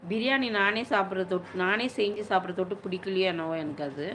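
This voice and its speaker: A woman's voice: mid-range voice, fast talker, fairly bright tone, a little hiss or hum. Chatty woman on a live stream. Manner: chatty, answering viewers' questions at length. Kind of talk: casual live-stream chat.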